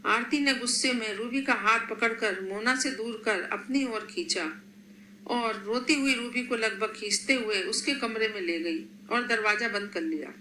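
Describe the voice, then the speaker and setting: A woman narrating a scripted family story in a steady, expressive reading voice, in an echoey room. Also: on the high side, normal speed. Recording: echoey room, faint noise.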